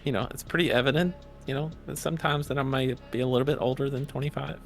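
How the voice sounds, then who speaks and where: A man as a guest in a casual interview chat, earnest and halting, restarting his sentences. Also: medium pitch, fairly even intonation, creaky, soft background music.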